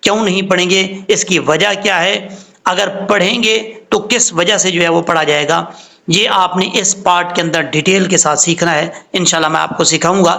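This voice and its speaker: A man teaching Quran recitation, explaining slowly and spelling out letters with drawn-out chanted examples. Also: high-pitched, creaky, pushed and bright. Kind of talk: recitation lesson.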